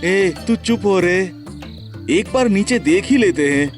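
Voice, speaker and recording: Level-headed cartoon youth, teasing, very lively pitch swings, a man voices him, slow pace. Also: faint music behind. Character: calm sensible young man Laltu.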